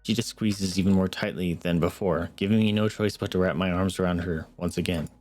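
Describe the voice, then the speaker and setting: A man's voice: low voice, fairly even intonation, brisk, a little mellow, no echo, soft background music. A young man streaming, earnestly reading a story game aloud and adding wry asides. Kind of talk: reading a visual novel aloud with commentary.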